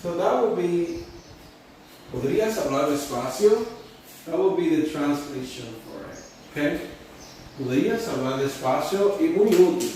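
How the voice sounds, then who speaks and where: A man teaching English phrases at a whiteboard, switching between English and Spanish and repeating each phrase slowly several times. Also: on the high side, animated, warm tone. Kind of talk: bilingual whiteboard lesson. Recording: roomy, distant mic, faint background hum.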